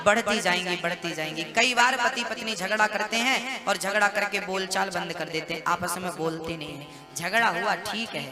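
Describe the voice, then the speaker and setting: A man's voice: sits high, normal speed, hardly any pauses. A man giving a folksy devotional sermon to a gathering, asking rhetorical questions and singing short couplets. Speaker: preacher. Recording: music behind the voice.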